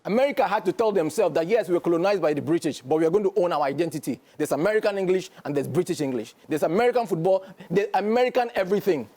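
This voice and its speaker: Rapid, preachy and animated, this Nigerian man appears as a guest commentator in a studio interview, his voice high-pitched yet mellow in tone. He stays emphatic and lecturing, repeatedly checking in with "do you understand?"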